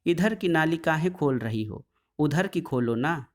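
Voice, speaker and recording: A man's voice: fairly high pitch, expressive, unhurried, voice pushed up. A man voicing a poor, hunchbacked young woman who pleads and accuses in dialect. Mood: pleading.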